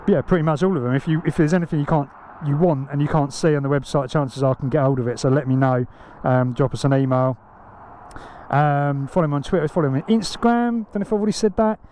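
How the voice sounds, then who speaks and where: A man with a nasal voice giving informal, rambling advice in a casual vlog style as host. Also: fairly high pitch. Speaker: host of an e-bike video channel. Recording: loud outdoor vehicle and street noise.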